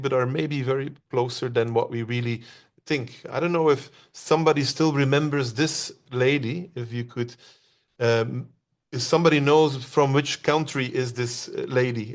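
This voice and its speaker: A man from Belgium gives an online presentation, talking in a loose conversational way with frequent "uh" pauses and questions put to his audience. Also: medium pitch.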